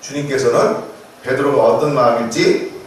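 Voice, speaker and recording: Korean pastor preaching in an echoing hall. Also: male voice, medium pitch, steady tone, moderate pace, slight background noise. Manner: preaching with rising emphasis and repeated blessings. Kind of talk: sermon. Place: church sanctuary. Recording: echoey church hall, mic at a distance.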